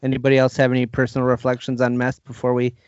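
A man's voice: mid-range voice, completely flat delivery, a little mellow, clean tone, no room sound, lo-fi sound. Man co-hosting a chatty music podcast. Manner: reads album facts in a brisk list. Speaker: podcast co-host. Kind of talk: casual chat.

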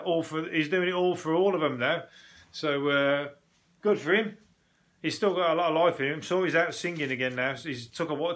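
Casting: male host with a Brummie accent, higher-than-average pitch, loose sweary solo chat, joking and rambling. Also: fairly bright tone. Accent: Brummie (Birmingham). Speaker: host of a news commentary show. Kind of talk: casual solo chat about news stories.

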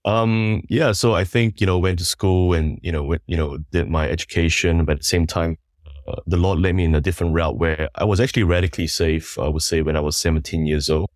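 A man in his thirties from Malaysia, a worship ministry leader sharing his story in a podcast interview. His voice is extremely deep and flat. He talks haltingly, with frequent restarts and "you know". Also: no echo, clean studio sound.

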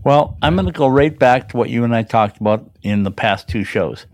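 A man co-hosting a hockey talk show, chatting in a relaxed way with lots of fillers. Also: medium pitch, brisk, dry recording. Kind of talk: casual sports chat.

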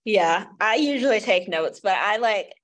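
A woman host of a casual podcast, asking her guests questions. She talks in an easygoing, chatty way, leaning on "like" often. Her voice sits at a middle pitch. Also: moderate pace. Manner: relaxed, chatty, uses "like" often. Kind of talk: casual interview chat.

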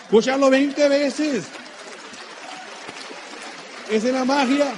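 A man's voice: very high-pitched, steady tone, takes it slowly, noisy background. A middle-aged man giving a motivational talk to an audience, preachy and full of rhetorical questions, repeating his key lines and mixing in personal stories. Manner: tells personal anecdotes. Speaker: motivational speaker at a business meeting.

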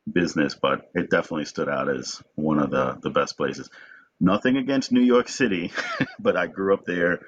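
A man's voice: rumbling low, a bit bright, breathy edge. A man in his forties from Jamaica, speaking as a guest in a conversational interview, reflective and often repeating words as he starts a thought. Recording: dull lo-fi sound.

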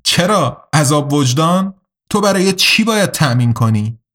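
A man's voice: on the high side, expressive. A man voicing a badly injured young warrior in an audiobook, blunt, sardonic and weary. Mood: bitter. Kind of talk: audiobook character reading.

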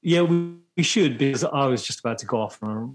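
A man's voice: medium pitch, animated, fast. A man co-hosting a podcast over a video call, his audio glitching and breaking up as he rambles and interrupts himself. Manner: rambling, self-interrupting, fond of fillers. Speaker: podcast co-host. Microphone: remote video call.

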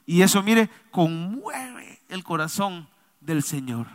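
A man preaching a sermon as a pastor to a congregation, swinging between quiet, intimate passages and loud, urgent calls. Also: high-pitched, sing-song, slow pace, in a large hall. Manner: preaching to a congregation, rising and falling from soft to loud. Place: church.

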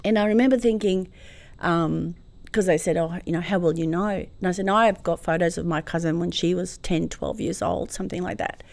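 A middle-aged woman with an Australian accent, a guest telling a personal story in an animated, warm way. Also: on the low side, brisk, creaky.

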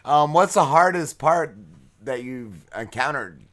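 A man's voice: on the high side, measured pace. A man in his forties hosting a podcast, chatting casually and joking around. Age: 40s. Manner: jokey, lively, laughs often. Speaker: podcast host.

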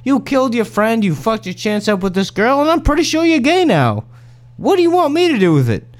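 Guy putting on a snotty restaurant manager, way up high in pitch, jumping all over the place, sneering and sarcastic the whole time. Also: sing-song, fairly quick. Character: scornful restaurant manager man, rude and mocking.

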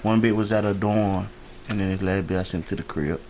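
A man's voice: sits low, fairly even intonation, brisk, a little mellow, a little hiss or hum. A man co-hosting a casual podcast with bro-ish, boastful, profane slang. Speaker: podcast co-host. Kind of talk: casual group banter.

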